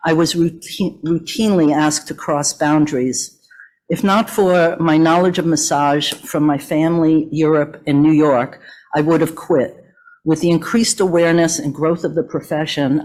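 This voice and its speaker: A woman massage therapist presenting at a meeting, reading measured prepared remarks while calling for slides, her voice trembling from the cold. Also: sits low, a little mellow, low-quality recording. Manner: measured, asks for the next slide often. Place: hotel meeting room. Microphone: meeting audio from a hotel room.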